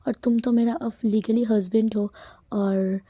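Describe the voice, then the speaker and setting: A woman voicing a clingy, lovesick young husband who coaxes slowly in a soft, half-whispered voice. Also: fairly high pitch, steady tone, no echo. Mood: pleading. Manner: soft, slow, coaxing, often half-whispered.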